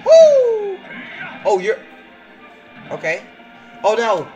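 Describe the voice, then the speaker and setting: An excitable let's-play commentator whose pitch jumps all over the place as they cheer on a computer fighter. Bursts of hype break up the running play-by-play. Loud game music plays under the voice. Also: normal speed. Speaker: gameplay commentator.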